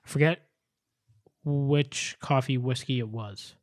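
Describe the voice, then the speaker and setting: A man's voice: mid-range voice, steady tone, takes it slowly, no room sound, studio quality. A young man co-hosting a casual podcast, easygoing and profane, often agreeing with his friend. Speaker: podcast co-host.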